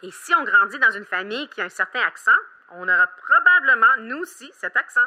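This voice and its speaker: A woman with a strikingly bright, forward voice explains simple ideas to children. She speaks patiently, a little high, stopping for small hesitations while she checks her facts. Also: expressive, a little fast. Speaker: children's show expert guest.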